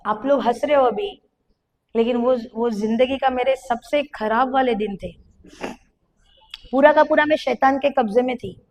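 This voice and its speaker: A young woman gives a sermon testimony to a congregation in a high voice. Her animated storytelling builds to emphatic calls.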